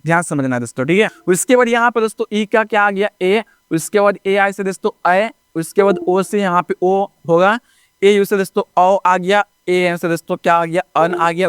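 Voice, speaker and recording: A man teaching a basic lesson, talking repetitively and often checking in with his viewers as friends, spelling out letters slowly one by one. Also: high-pitched, clean tone, no echo, studio quality. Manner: drawn-out letter-by-letter recitation. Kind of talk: classroom-style lesson narration.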